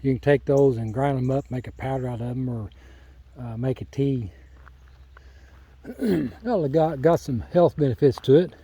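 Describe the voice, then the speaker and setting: A man's voice: mid-range voice, moderate pace, pauses often, mellow, slightly rough, poor audio. An older man chatting in a rambling, folksy way while walking a rural hillside, then reading scripture aloud, recorded on a handheld phone. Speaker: lay Bible teacher.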